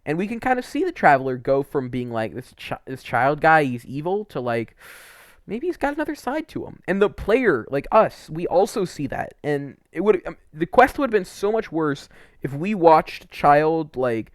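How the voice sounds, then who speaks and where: With a sing-song lilt and a slightly high voice, a video creator reviews game quests at a moderate pace in clean studio sound with no room echo. His unscripted take is rambling, emphatic, and opinionated, peppered with "like" and light swearing.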